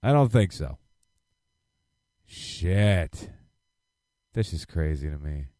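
Man in his thirties, podcast co-host, lively swinging pitch, profane reactions, dry close sound. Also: slow, dry recording. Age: 30s. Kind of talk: casual chat.

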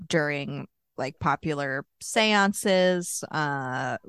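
A woman with a very low voice tells a history story in a loose, chatty way, full of "like" and "uh" and small wry jokes. The sound is dry and close to the mic, with no room around it. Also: creaky, no room sound. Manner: chatty, storytelling with many fillers and asides. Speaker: podcast co-host. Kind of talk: casual chat.

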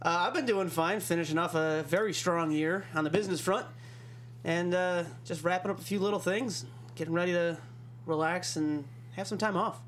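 A man's voice: high-pitched, normal speed, a little hiss or hum. A man co-hosting a podcast, bantering casually with the others. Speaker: podcast co-host.

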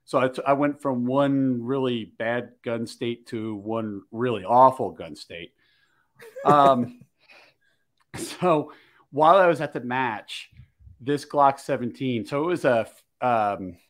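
A man from Maryland talks casually on his podcast, with a voice pitched in the ordinary middle range. He tells stories with energy and acts out both sides of each conversation. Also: a little slow, pauses often. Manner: animated storyteller acting out quoted dialogue. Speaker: podcast host. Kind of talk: casual storytelling chat.

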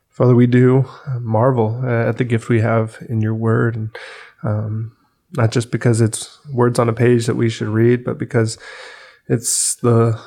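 A man leading a spoken prayer in an earnest, halting way, pausing often with fillers. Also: mid-range voice, creaky, dark tone.

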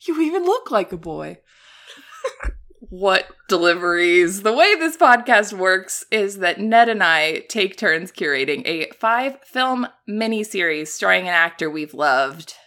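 A woman co-hosting a podcast in casual, playful chat, quick with jokes. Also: medium pitch, expressive, pushed and bright. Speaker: podcast co-host. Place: home recording setup.

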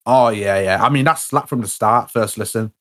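A man's voice: on the low side, moderate pace, fairly bright tone. A young man in a casual chat about music, who stumbles over and repeats his words with lots of fillers.

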